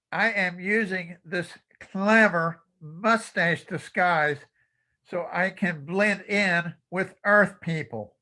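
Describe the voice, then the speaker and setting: An ancient alien tourist with a robotic, filtered voice. It talks at a crawling pace with slow, deadpan announcements, and the tone is bright and sharp. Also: medium pitch. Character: ancient wisecracking alien tourist visiting Earth. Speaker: masked contest speaker. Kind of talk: comic costumed speech.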